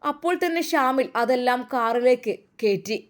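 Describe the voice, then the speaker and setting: A woman's voice: sits high, moderate pace. A woman narrating a spoken story in an emotive, emphatic way.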